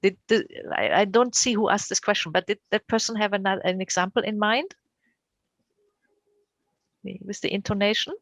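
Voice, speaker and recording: A woman's voice: medium pitch, moderate pace, pauses often, fairly bright tone, dry recording, rough recording. A woman answering audience questions on a video call, thoughtful, with many fillers and frequent "right?" tags. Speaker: invited speaker.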